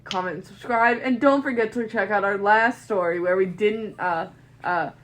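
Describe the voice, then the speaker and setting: A woman's voice: medium pitch, moderate pace. A woman co-hosting a story game playthrough in casual banter. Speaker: co-host of a game reading channel.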